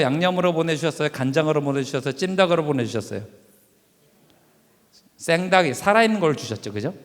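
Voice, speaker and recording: Male preacher with a high voice, a funny sermon full of audience questions, long hall reverb. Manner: animated, asks the audience questions and acts out scenes. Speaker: guest preacher. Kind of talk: lively humorous sermon. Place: church sanctuary.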